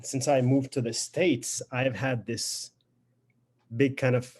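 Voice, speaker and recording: A young poet from Beirut, Lebanon, whose first language is Arabic and who has a Lebanese accent, introduces a reading in an informal, reflective way with frequent hesitations. His mid-range voice is slow, steady in tone, and somewhat dark.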